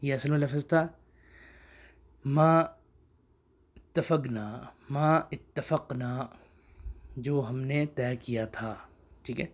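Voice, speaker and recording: A man who teaches Arabic phrases in a casual spoken lesson, slowing down to repeat each phrase for learners. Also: medium pitch, steady tone.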